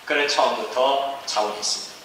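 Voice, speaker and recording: A male pastor preaching a sermon with earnest storytelling, shifting between hushed and emphatic delivery. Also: medium pitch, steady tone, brisk, a little hiss or hum. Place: church sanctuary. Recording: echoey church hall from a distance.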